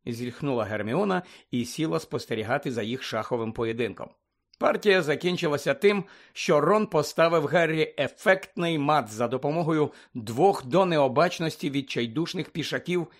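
A man reading a children's fantasy novel aloud, acting out each character's lines with lively expression. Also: on the high side, normal speed. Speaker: narrator. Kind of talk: audiobook reading.

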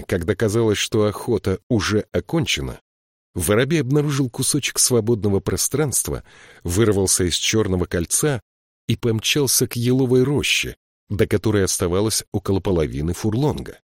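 A man narrating a fantasy audiobook in a steady, measured storytelling voice. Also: fairly low pitch, no room sound, clean studio sound. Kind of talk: scripted narration.

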